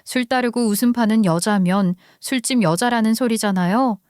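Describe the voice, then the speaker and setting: Higher-voiced woman telling a story. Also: normal speed, darkish tone, no room sound, clean studio sound. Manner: conversational, confiding storytelling. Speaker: story narrator. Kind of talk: scripted first-person story narration.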